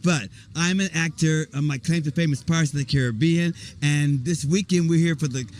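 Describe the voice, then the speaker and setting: A man, an actor, chatting excitedly and rambling in a casual outdoor interview at a volunteer event. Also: a little high, brisk, slight background noise. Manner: excited, rambling, spells things out. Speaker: actor guest.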